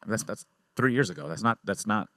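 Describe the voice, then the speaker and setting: A man's voice: fairly low pitch, animated, brisk, pushed and bright, no echo. A man hosting an interview, asking questions in a friendly, conversational way.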